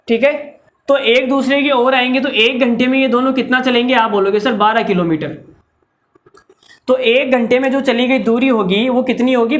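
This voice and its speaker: A man teaching a maths problem, who explains it through jokes and directly addresses his students. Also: very high-pitched. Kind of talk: comic storytelling lesson.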